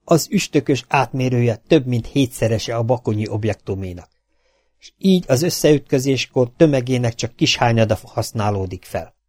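A man's voice: mid-range voice, expressive, darkish tone, no room sound, studio quality, close to an everyday voice. A man voicing a commanding male spaceship captain in an audiobook reading. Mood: firm. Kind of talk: audiobook character voice.

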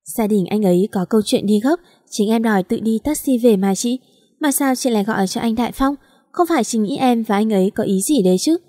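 Woman reading as a lively young sister, impulsive, a bit high and mellow. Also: brisk, no room sound, clean studio sound, close to an everyday voice. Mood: chatty.

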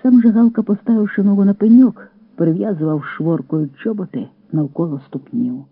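A man steadily narrating a war novel in a measured reading voice, heard over a tinny radio recording. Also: sits high, breathy edge, no room sound. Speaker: audiobook narrator.

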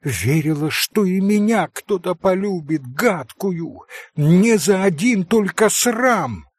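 A volatile young woman cries out in a raised, swooping voice, as a male reader puts her on. Her passion spills into wailing outbursts, and a gravelly, husky grain runs under her words. The audiobook recording is close and dry. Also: a little high, expressive, slow pace, dry recording, pitched above the performer's own voice, heavily acted. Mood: tearful rapture. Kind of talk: audiobook character voice.

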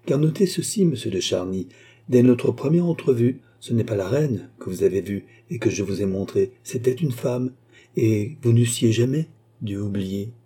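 A man's voice: medium pitch, lively intonation, moderate pace, mellow, breathy edge. A man voicing a proud, indignant queen who scolds in a raised, reproachful voice.

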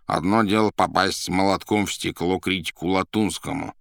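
A man voicing a gruff, laconic male demon gunman in an audiobook, curt and blunt. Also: deep voice, steady tone, moderate pace, a bit bright, no room sound, clean studio sound. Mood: matter-of-fact. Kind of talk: audiobook character voice.

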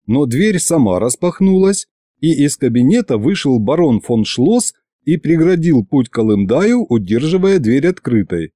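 A man narrating a first-person audiobook with expressive storytelling. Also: medium pitch, a little slow, no echo, studio quality.

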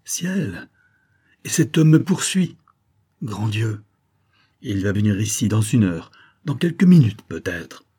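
A man's voice: fairly low pitch, sing-song, takes it slowly, pauses often, warm tone, slightly rough, exaggerated voice. A man voicing an impassioned young noblewoman bent on revenge in an audiobook, speaking in a raised, declamatory way. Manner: intense, declamatory, pleading.

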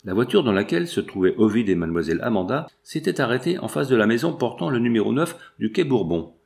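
A man reading a classic novel aloud as a narrator, steady and measured. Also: mid-range voice, vocal fry. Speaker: audiobook reader.

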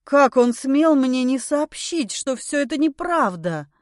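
A woman voicing a frantic, pushy middle-aged husband who talks loudly and pleads and orders in turn. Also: high voice, expressive, slow, no echo, studio quality, voice pushed up. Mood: agitated. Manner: loud, agitated, pleading and bossy.

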